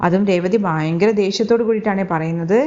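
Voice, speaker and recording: A woman's voice: medium pitch, a little fast, mellow. A woman retelling a serial's plot in a casual spoken recap, quoting dialogue in her own voice. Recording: dull lo-fi audio.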